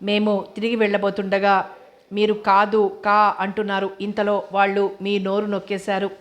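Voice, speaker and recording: A woman's voice: medium pitch, monotone, normal speed, lightly acted. A woman voicing a witty young man who talks in a playful, teasing way. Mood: explaining. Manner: playful, bantering.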